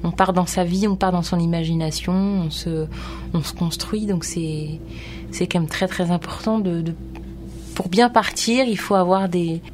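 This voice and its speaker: A woman presenting children's books on a radio show, talking gently with many hesitations and reading a bedtime story aloud. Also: fairly low pitch, normal speed, a little hiss or hum. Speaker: children's book reviewer on radio. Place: radio studio.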